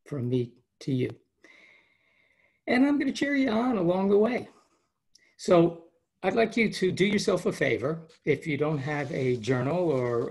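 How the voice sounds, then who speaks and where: A man who is a high-performance coach, presenting a webinar over a video call with enthusiastic, rambling delivery and frequent restarts. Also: gravelly.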